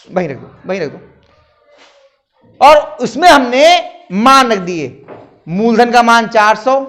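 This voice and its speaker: A man's voice: very high voice, fairly bright tone. A man teaching a classroom maths lesson, patiently quizzing his students.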